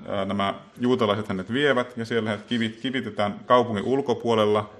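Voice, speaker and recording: A man giving an unscripted Bible talk, speaking haltingly and filling pauses with many small filler words and restarts. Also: fairly low pitch, steady tone. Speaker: Bible teacher.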